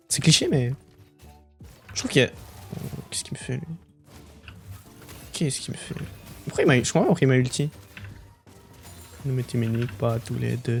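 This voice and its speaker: A young man chatting casually with his viewers while he plays a game, swearing easily and breaking into excited outbursts. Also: a little high. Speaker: streamer. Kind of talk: casual live-stream commentary while gaming.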